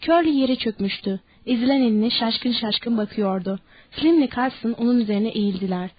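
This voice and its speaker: A woman narrating an audiobook in a steady, measured reading. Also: a little high, husky, dry recording, muffled recording.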